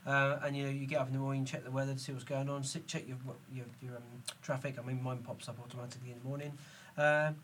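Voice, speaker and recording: A man hosting a casual panel discussion, talking quickly with frequent restarts and fillers. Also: mid-range voice, little pitch movement, fairly bright tone, recorded from a distance, a little hiss or hum. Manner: quick, hesitant, many restarts. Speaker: host.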